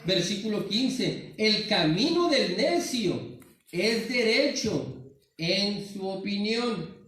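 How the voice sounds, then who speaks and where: A man's voice: sits high, lively intonation, takes it slowly, fairly bright tone, far from the mic. A man with a northern Mexican accent preaching a sermon in a church, earnest and constantly calling his listeners "hermano.". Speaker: pastor. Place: large church sanctuary. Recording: very echoey hall, voice from afar.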